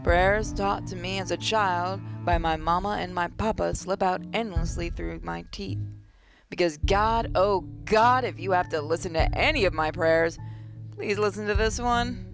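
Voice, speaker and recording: A woman's fairly low voice, a little slow, carries a theatrical read-aloud of horror game text. She's the host of this gaming video, tossing in joking asides as game music plays.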